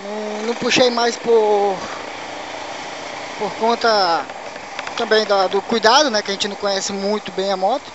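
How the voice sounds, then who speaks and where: A motovlogger from Manaus, Brazil, rides a motorcycle through city roads giving slangy, casual commentary in a local Brazilian Portuguese accent, chuckling to himself. His high voice is fairly even and a little slow, with long pauses. The helmet or bike camera mic gives dull audio buried in loud wind and engine noise.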